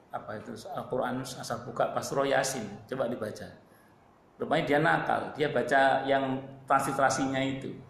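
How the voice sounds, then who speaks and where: A man with a mid-range, slightly bright voice and vocal fry, speaking with an East Javanese accent, preaches as an Islamic preacher. His conversational sermon repeats phrases and addresses listeners directly. The recording has slight background noise and an echoey hall with faint ambience.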